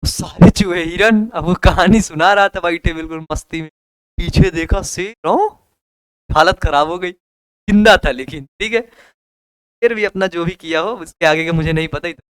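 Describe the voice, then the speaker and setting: A man's voice: sits high, normal speed, clear, resonant tone, dry recording. A young man with a Hindi accent teaching biology in a casual, joking way, asking students questions and repeating answers. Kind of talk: casual classroom lecture.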